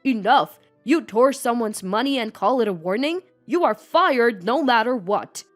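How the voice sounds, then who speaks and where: A woman's voice: fairly high pitch, moderate pace, soft background music, lightly acted. Woman voicing a stern male bank manager. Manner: firm, trembling then angry.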